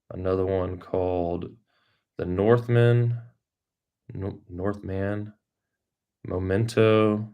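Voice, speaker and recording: A man's voice: sits low, vocal fry, a little mellow. A man hosting a casual, unscripted livestream, rambling and thinking aloud as he talks to viewers. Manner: rambling, thinking aloud while reading the chat. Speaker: YouTube creator hosting a livestream.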